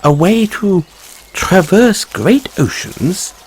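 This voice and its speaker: With poor audio and slight background noise, a man plays an anxious, well-mannered, whimsical rabbit boy in a theatrical fantasy roleplay spoken to the listener. His voice sits high and is animated, yet slow in pace, and his stammered phrasing is courteous and old-fashioned. The mood is whimsical and musing.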